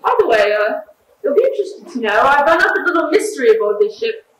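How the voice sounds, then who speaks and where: A teenage girl acting a shrewd, secretive male detective on a school stage, brisk and observant, heard far off in an echoey hall. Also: high voice, sing-song, a bit bright, slight background noise. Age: teens. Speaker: student actor. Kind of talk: stage play performance. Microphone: distant room mic.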